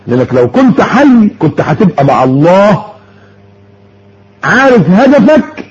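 A man's voice: a little high, darkish tone, breathy edge. A man with an Egyptian Arabic accent preaching a sermon, firing rhetorical questions and mockingly repeating words. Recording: muffled lo-fi audio.

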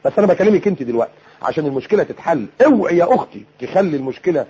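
A man with an Egyptian Arabic accent delivers a colloquial sermon at a rapid clip, his voice very husky and rough. He exhorts his listeners and keeps firing rhetorical questions at them. The recording sounds dull and lo-fi. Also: fairly high pitch, expressive, mellow. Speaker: preacher.

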